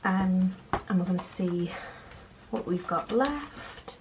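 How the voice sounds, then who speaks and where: A young British vlogger and channel host chats at home at night in a casual budgeting vlog, counting cash while keeping her voice hushed so she won't wake her sleeping children. Her voice is on the low side, expressive, and slow, and the home recording is clearly noisy, with clicks.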